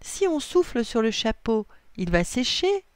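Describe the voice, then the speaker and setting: Eager little boy in a storybook, high and lively, put on by a woman. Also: a little slow, dry recording. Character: young boy, eager and bold.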